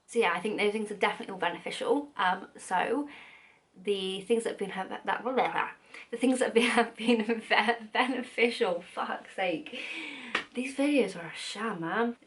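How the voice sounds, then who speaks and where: A woman's voice: mid-range voice, normal speed. A young British woman in her twenties chatting casually to camera as a vlogger, swearing freely and laughing at her own slips.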